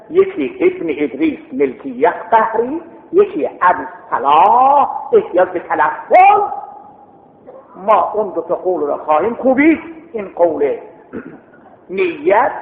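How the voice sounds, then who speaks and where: A man's voice: high voice, creaky. A man teaching a seminary class, explaining step by step, reciting Arabic text and quizzing his students. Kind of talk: classroom lecture. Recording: echoey hall, tinny lo-fi sound.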